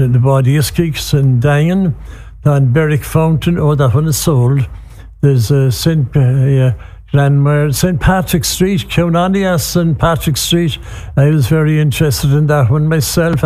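A man's voice: fairly high pitch, dark tone. A man with an Irish accent from Cork, hosting a radio show in a rambling, hesitant, conversational way. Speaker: community radio host. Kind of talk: casual radio chat mixing English and Irish.

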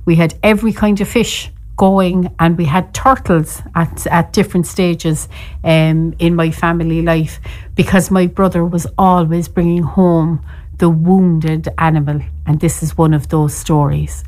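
A woman's voice: fairly low pitch, fairly even intonation, a little slow, a little mellow, low-quality recording. Lilting Irish woman storyteller from Cork. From Cork, Ireland. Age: middle-aged. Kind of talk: oral storytelling with chatty introduction.

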